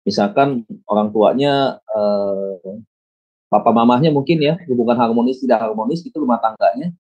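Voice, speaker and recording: A male pastor talks calmly and explains at a steady, measured pace. His pitch is average. The recording sounds muffled and lo-fi. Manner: calm, explanatory. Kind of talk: counseling talk.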